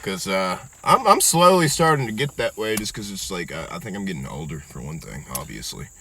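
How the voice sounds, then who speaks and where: A man in his twenties in a casual, profane, joking chat who often trails off softly. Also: low voice, sing-song, a little fast, a little hiss or hum. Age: 20s.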